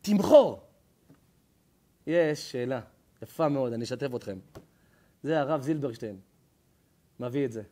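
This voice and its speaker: A man, a rabbi, teaching a Torah lesson as a lively storytelling sermon. He asks the audience questions and answers them himself, and he swings between loud exclaiming and hushed, low asides. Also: pauses often.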